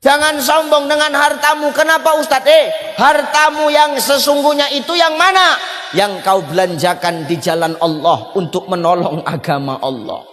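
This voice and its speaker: A male preacher giving a humorous sermon, animated and joking, often putting questions to the audience. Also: very high voice, normal speed. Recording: long reverb in a hall.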